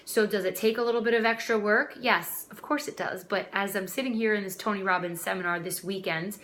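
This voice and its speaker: A woman in her twenties who works as a health coach vlogs casually from her dining room, speaking straight to viewers and calling them "guys." Her mid-range voice is fairly bright, steady, and fairly quick, with slight background noise.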